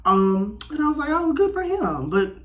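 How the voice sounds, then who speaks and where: Reading text aloud and reacting on his personal video channel, a young man offers casual, slangy, bluntly opinionated commentary on his own. His voice is very high and sing-song, at a moderate pace.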